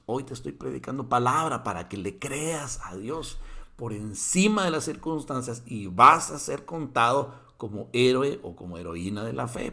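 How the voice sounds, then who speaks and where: A man's voice: mid-range voice, gravelly. A male pastor preaching a sermon, telling a story dramatically and asking the listeners questions. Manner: animated storytelling with rhetorical questions.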